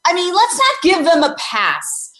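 In a rough recording, a woman in her sixties hosts an interview with a very high, sharp voice that swings hugely in pitch, though her pace is unhurried. A former news reporter and animal rights activist, she delivers energetic, emphatic advocacy talk. She tends to ask questions and answer them herself.

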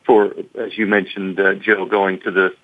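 A man giving halting, measured explanations as a guest in an interview, over a thin phone-like connection. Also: low-pitched, little pitch movement, a little hiss or hum. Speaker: company representative, interview guest. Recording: thin phone-line sound.

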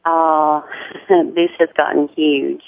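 A woman with a deep Southern US accent, talking casually as a guest in an interview. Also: flat delivery, very slow, creaky. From Tennessee. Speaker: guest, sickle cell awareness advocate. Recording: muffled narrow phone-like line.

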